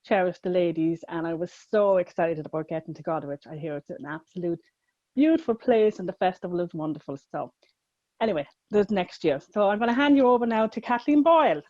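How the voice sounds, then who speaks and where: A woman's voice: on the low side, lively intonation, brisk, a little mellow. West of Ireland woman on dull audio. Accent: west of Ireland, Galway. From Connemara, County Galway, Ireland. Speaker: piano accordion player in a band. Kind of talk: casual video introduction.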